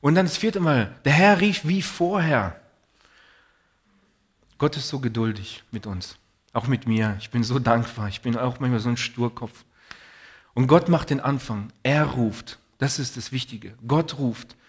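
A man's voice: medium pitch, measured pace, slightly rough. A man preaching a sermon in an earnest, personal way, telling stories and reading Bible passages.

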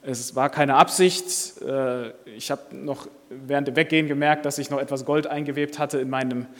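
Preacher doing an honest, scared elderly traveler who pleads earnestly, with middling pitch and long hall echo. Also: male voice, fairly even intonation, normal speed, fairly bright tone, lightly acted. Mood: pleading. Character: frightened older male traveler, honest.

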